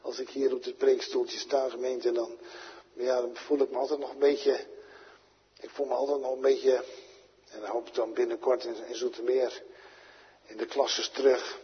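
A man preaching a sermon to his congregation in a Dutch accent from around The Hague, with loud emphatic peaks, soft asides and frequent restarts. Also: mid-range voice, flat delivery, moderate pace, long pauses, slightly rough. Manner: repeats words and restarts often. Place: church pulpit. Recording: reverberant church, dull lo-fi radio sound.

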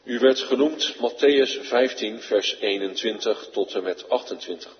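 A man reading scripture aloud in a formal church service, slow, solemn and measured. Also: mid-range voice. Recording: dull, echoey church hall recording.

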